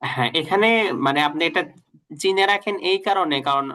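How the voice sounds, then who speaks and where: A man's voice: a little high, sharp tone. Patient man teaching letter sounds. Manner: patient, repeats letter sounds slowly for students. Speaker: Quran teacher. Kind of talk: online class lesson.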